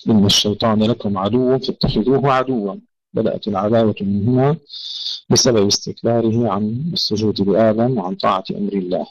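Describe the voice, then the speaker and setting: A man with a low, gravelly voice teaches Quran recitation, stopping to correct common errors and sound out each word slowly. The recording is dull and lo-fi, with a dry, close sound. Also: steady tone, no room sound. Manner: corrects common mistakes and slowly demonstrates pronunciations. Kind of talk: tajweed lesson.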